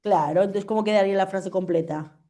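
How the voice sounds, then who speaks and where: Lady teacher on a video call, warm mellow voice, keeps asking if everyone follows. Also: medium pitch, brisk. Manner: patient, checks understanding often. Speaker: French teacher. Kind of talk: online class explanation.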